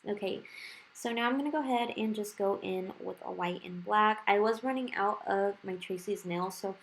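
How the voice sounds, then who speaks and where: A woman's voice: medium pitch, moderate pace, rough recording. A woman with a lisp that slurs her s sounds, talking in a casual, rambling way as she narrates a nail tutorial. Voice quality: lisp with slushy s sounds from new dental work. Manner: chatty, rambling, informal. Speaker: nail art video creator. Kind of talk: casual chatty tutorial voice-over. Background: music.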